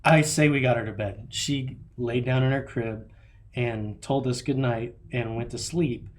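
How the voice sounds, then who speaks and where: A man in his thirties, a podcast host telling rambling, animated stories about his kids and laughing at them. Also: mid-range voice, measured pace. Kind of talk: casual chat.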